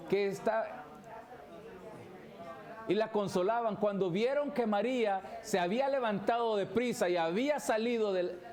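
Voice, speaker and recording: In church, a man preaching a Bible study sermon reads from scripture while calling his audience "hermano" again and again. He speaks with a high-sitting, darkish voice.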